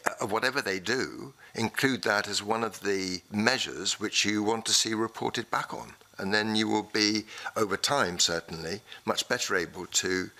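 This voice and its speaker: A man's voice: lowish voice, sharp tone. Hesitant man giving committee evidence. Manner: hesitant, many fillers. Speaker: committee witness. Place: large committee room. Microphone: desk microphone.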